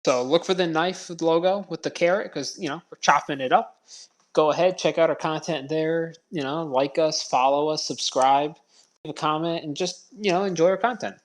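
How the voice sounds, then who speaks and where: A man's voice: on the high side, normal speed. A man co-hosting a podcast in casual, informal chat with a self-deprecating way of talking. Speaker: podcast co-host.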